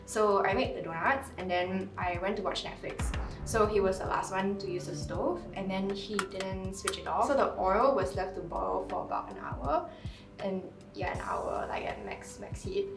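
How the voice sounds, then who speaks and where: A woman, telling her own story as an interview guest, soft-spoken and halting, with many fillers. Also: mid-range voice, lively intonation, gravelly. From Singapore. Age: 20s. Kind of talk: personal story in a sit-down interview. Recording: roomy sound from a distant mic, music behind.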